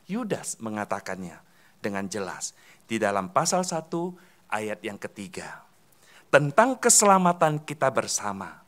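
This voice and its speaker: This pastor delivers his sermon in a church hall at an unhurried pace, his fairly low voice moving through big pitch swings. He asks the congregation questions and supplies the answers himself, alternating loud emphatic calls with endings that fall away softly.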